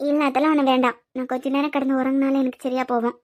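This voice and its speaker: A heartbroken young wife, played by a woman, in a cartoon. Her voice is very high and quick, but she speaks quietly and pleads to be left alone. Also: little pitch movement, close to an everyday voice. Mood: hurt. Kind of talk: cartoon voice acting.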